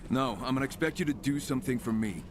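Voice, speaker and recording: An actor playing a self-assured game character who bargains in a dry manner, heard over a walkie-talkie. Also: male voice, mid-range voice, fast, background noise. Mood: confident.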